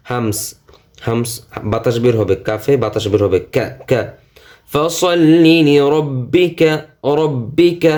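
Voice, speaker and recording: A man teaching Quran recitation, spelling out each syllable slowly and repeating it patiently. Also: medium pitch, a little mellow. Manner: chants the Arabic verses in a melodic recitation.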